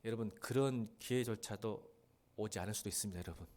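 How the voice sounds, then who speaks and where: A middle-aged man preaching a sermon as pastor, acting out quoted voices and swinging between loud emphasis and quiet asides. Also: fairly low pitch, fast talker.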